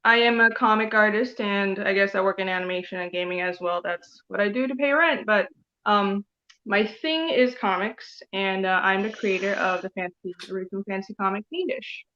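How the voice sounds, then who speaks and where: A woman's voice: mid-range voice, a little fast, bright, forceful tone. Chatty woman from Taiwan, lo-fi call. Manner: chatty and rambling, heavy use of "like" and "you know". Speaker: guest comic artist. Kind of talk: casual interview chat.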